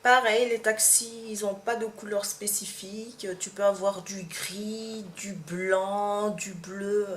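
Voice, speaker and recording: A woman's voice: medium pitch, fairly even intonation, slow pace, hardly any pauses. A young woman from Martinique with a Martinican accent, chatting to camera in a casual tag video, hesitant with many fillers and restarts. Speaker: vlogger. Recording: echoey room, faint background hum.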